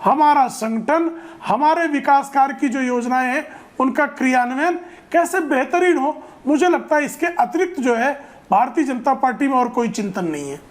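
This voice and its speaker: A woman's voice: high voice, lively intonation, normal speed, few pauses. A woman making her party's case in a TV debate, with rhetorical lists. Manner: listing and rhetorical. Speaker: party spokesperson. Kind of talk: debate argument.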